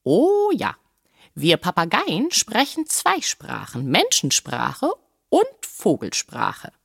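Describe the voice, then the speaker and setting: A woman voicing a proud, clever female parrot who lectures insistently and squawks high bird calls, in an audiobook reading. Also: wildly swooping pitch, normal speed, creaky, fairly bright tone, no room sound, studio quality, heavily acted. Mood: bossy proud.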